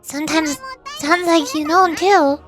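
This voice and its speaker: Speaking in a steady tone at a measured pace, a high-voiced woman game streamer alternates between casual conversation and reading lore aloud. She comes off giggly, self-deprecating and easily baffled, with game music faintly audible in the background.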